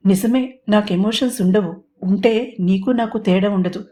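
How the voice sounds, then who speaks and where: A composed young male police officer in a romantic audio storybook, steady and measured with a dry teasing edge, as a woman narrator reads him. The voice is mellow and warm. He sounds in control even when provoked. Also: mid-range voice, lightly acted. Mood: calm.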